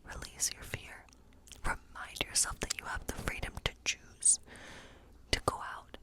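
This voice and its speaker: A woman plays a friendly witch in an ASMR role play, whispering softly and breathily at a measured pace. She reads tarot in a loose, encouraging, rambling style.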